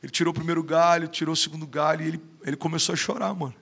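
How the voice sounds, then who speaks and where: A man's voice: a little high, steady tone, very fast, gravelly, fairly bright tone, husky. A man in his thirties with a Brazilian Portuguese accent, a podcast guest telling stories in a slangy, emphatic casual chat. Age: 30s. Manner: slangy, emphatic, keeps saying "mano".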